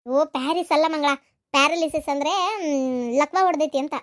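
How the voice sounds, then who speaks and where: A woman's voice: high-pitched, steady tone, a little fast, voice pushed down, close to an everyday voice. A woman with a North Karnataka Kannada accent voicing a sly young daughter-in-law who laments in a sing-song, mock-sympathetic way in a comedy skit. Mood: mock-sad.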